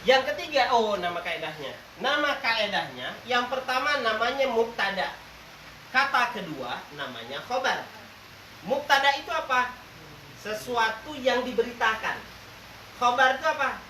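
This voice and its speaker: A religious teacher with a very high-pitched voice makes his grammar lesson lively, joking with the class, quizzing them playfully through call-and-response and lingering slowly over example words. The audio is roomy and distant, with a faint noise floor.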